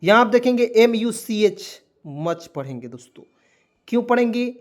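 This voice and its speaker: High-voiced man teaching spelling. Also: lively intonation, normal speed. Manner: repeats questions to viewers, spells words letter by letter. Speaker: English teacher. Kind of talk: spoken lesson.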